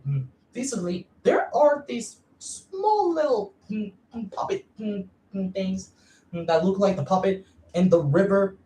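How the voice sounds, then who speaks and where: A woman rambles through a casual movie review, stopping to hum between nearly every phrase. Her pitch leaps up and down in lively swings. She sounds a little away from the mic in a roomy, echoing space. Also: far from the mic. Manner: hesitant, full of hums and fillers; excitable, insists she is serious. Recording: echoey room, voice away from the mic.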